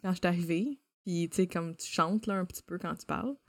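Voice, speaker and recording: A woman's voice: fairly low pitch, brisk, no room sound. A woman from Ontario with a Quebec French accent, chatting casually and animatedly, slipping in English words. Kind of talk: casual conversation.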